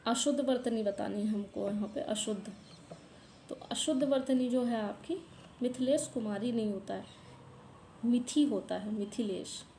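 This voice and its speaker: Mellow-voiced woman teaching in an echoey room. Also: a little high, normal speed. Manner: patient, repeats corrections, talks to students directly. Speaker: exam-prep teacher. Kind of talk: explaining a past exam paper. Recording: echoey room, faint background noise.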